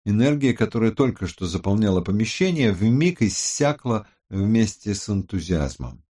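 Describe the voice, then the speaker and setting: A man narrating a detective audiobook in a measured, expressive reading. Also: fairly low pitch, husky.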